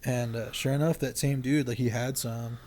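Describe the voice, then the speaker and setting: Young man, podcast guest, candid rambling storytelling, mid-pitched voice, faint background hiss. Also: steady tone, normal speed, a little mellow. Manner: rambling, heavy use of "like" and swearing.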